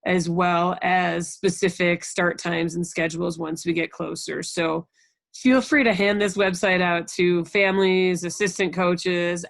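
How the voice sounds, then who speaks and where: Briefing coaches informally over a conference call, this American program coordinator stays encouraging and keeps checking in with the group. Her voice is creaky and fairly low-pitched, and there's no echo.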